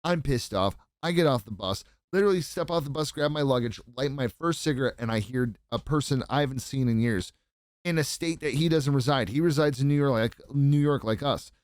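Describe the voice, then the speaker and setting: A man's voice: mid-range voice, brisk, dry recording, studio quality. A man co-hosting a podcast in casual chat, rambling and swearing a lot. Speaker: podcast co-host.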